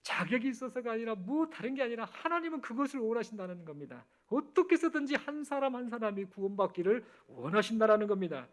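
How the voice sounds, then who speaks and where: High-voiced, animated male pastor preaching. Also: fast, hardly any pauses. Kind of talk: sermon. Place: church sanctuary.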